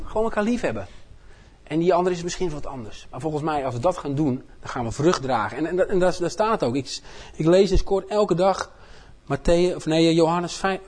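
A man with a Dutch accent from the Netherlands preaches informally to a congregation in a folksy, joking, animated way, often repeating words as he goes. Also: a little high. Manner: folksy, joking, self-deprecating. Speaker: missionary speaker preaching at his home church.

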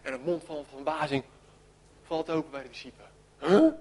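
A man preaching a sermon, telling a story with great animation and acting out its voices, sometimes dropping to a hush. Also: a little high, fairly quick. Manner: animated storytelling, acts out voices, drops to near whisper.

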